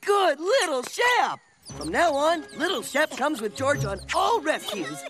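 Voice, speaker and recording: A man's voice: very high voice, wildly swooping pitch, measured pace, loud music behind the voice, heavily acted. A man voicing a goofy, childlike jungle hero who speaks in simple broken phrases in a cartoon. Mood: proud. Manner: simple broken speech in third person. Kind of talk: cartoon voice acting.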